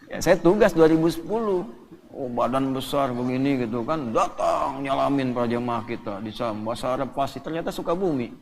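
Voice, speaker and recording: A male preacher giving a lively, joking sermon with quick swings in pitch and loudness, speaking into a microphone in a large hall. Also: vocal fry. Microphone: handheld or stand microphone. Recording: long hall reverb, faint background hum.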